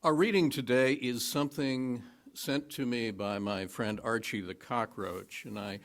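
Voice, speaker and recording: A man introducing a reading to a congregation, halting at first, then telling the backstory with dry, wry humor. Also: medium pitch, fairly even intonation. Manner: hesitant start, then wry storytelling. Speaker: lay speaker at a worship service.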